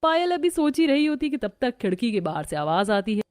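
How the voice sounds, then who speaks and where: A woman's voice: a little high, big pitch swings, a little fast, a little mellow, faint music behind. Woman narrating a family story.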